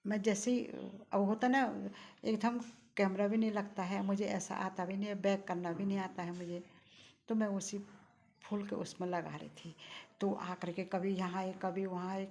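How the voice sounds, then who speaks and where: An older woman speaks with a gravelly, creaky texture at a middling pitch. She tells a personal story straight to her viewers, winding and rambling as she goes. Her delivery is emotional and devout. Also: a little mellow. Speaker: vlogger. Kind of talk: casual vlog storytelling.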